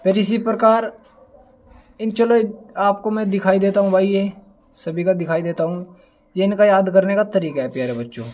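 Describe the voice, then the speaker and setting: A man's voice: high voice, normal speed, a little mellow. A young man teaching a casual chemistry lesson, chatty and fond of calling his students dear children, stumbling and apologizing over hard element names. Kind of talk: casual classroom lesson with mnemonics.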